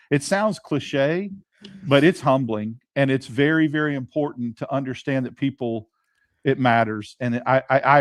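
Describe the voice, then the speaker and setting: A man's voice: medium pitch, no echo. A man co-hosting a sports podcast, telling stories emphatically in casual chat. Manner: emphatic storyteller, repeats himself.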